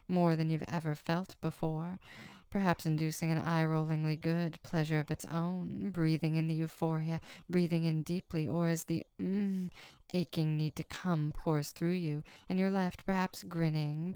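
A woman hypnotist guides the listener in a slow, repetitive, commanding trance delivery. Her voice is lowish and smooth, kept flat and even. The recording is dry and close. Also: dry recording. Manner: authoritative, commanding.

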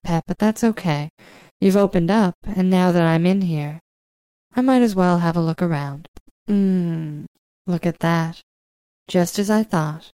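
A woman's voice: fairly low pitch, mellow, clear, resonant tone, dry recording, rough recording. A woman speaking intimately, right in the listener's ear, in a coaxing, commanding and teasing hypnotic narration for adults. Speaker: hypnosis audio performer.

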